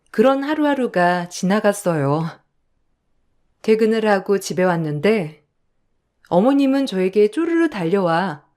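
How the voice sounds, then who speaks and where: A woman's voice: medium pitch, a little mellow. A woman narrating a first-person radio story in a reflective, heartfelt way.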